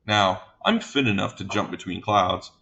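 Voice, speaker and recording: In a comic monologue, a man plays a fussy, gentle giant giving a flustered, wordy statement to a police officer. His exaggerated voice is low and creaky at a moderate pace, and the sound is lo-fi.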